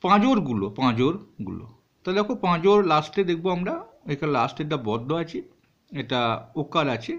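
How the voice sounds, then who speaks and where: A man's voice: a little high, expressive, a little fast. A man teaching students, patiently explaining and sounding words out syllable by syllable. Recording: dull lo-fi recording.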